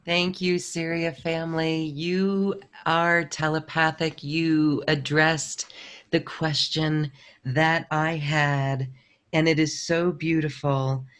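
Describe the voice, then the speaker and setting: Earnest participant, appreciative talk, unhurried delivery, medium pitch. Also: little pitch movement, fairly bright tone, clear, resonant tone. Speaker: session participant thanking a channeler.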